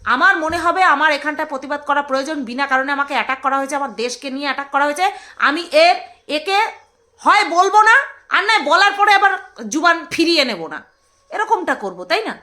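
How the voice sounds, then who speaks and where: High, bright-voiced woman ranting scornfully. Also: expressive, a little fast. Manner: scornful, mocking, with rhetorical jabs. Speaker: vlogger. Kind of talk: ranting commentary to camera.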